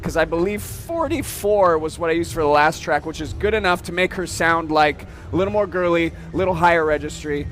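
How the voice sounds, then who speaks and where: Casual man demoing software. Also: a little high, fairly quick, hardly any pauses. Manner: casual, explains step by step, frequent "okay?". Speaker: software demonstrator. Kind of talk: casual product demo. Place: trade show floor.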